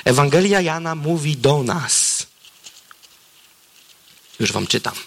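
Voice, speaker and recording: Reading scripture during a sermon, this man takes his time, his voice creaky. He alternates between low, hushed stresses and bursts of excitement.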